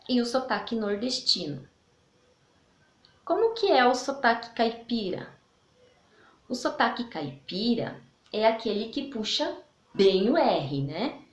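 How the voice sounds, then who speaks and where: A Brazilian woman teacher giving a recorded class in Brazilian Portuguese, talking in a slow, didactic way and often checking in with her listeners. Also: fairly high pitch, roomy sound.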